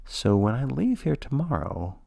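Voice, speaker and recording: A man narrating a scripted spooky podcast story in a measured, wry manner. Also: medium pitch, big pitch swings, gravelly, warm tone, no room sound, clean studio sound.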